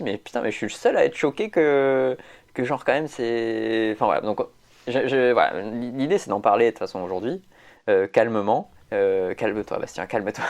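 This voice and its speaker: A man's voice: mid-range voice, darkish tone. A man chatting casually on a podcast, rambling with many fillers and restarts. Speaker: podcast host.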